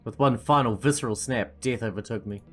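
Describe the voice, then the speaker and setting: A woman's voice: very deep voice, a little fast, fairly bright tone, faint music behind. A woman doing a let's play, reading game narration aloud and adding casual commentary.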